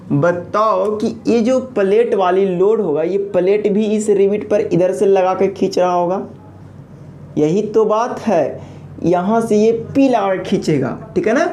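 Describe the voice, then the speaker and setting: A woman giving an engineering lecture, posing questions to the class and answering them herself, repeating key terms slowly. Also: fairly low pitch, darkish tone.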